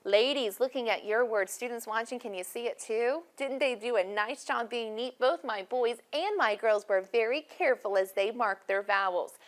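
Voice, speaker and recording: A woman teaching a first-grade phonics lesson in a classroom, speaking slowly and clearly with encouragement. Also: fairly high pitch.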